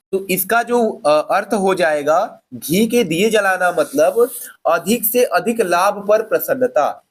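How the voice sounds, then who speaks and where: High-voiced man teaching an exam paper. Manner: explains step by step, asking and answering his own questions; fillers like "theek hai". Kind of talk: exam paper walkthrough lesson.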